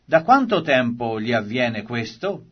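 A man's voice: mid-range voice, sing-song, breathy edge. A grave teaching voice, as a male reader puts it on. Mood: solemn. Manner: solemn measured reading. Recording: slightly dull lo-fi recording.

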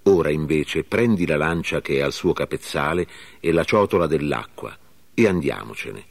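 An earnest young warrior who calls out with indignation and solemn pleading, read by a man. The voice sits very low and carries a grave, declaiming tone. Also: expressive, normal speed, creaky, exaggerated voice.

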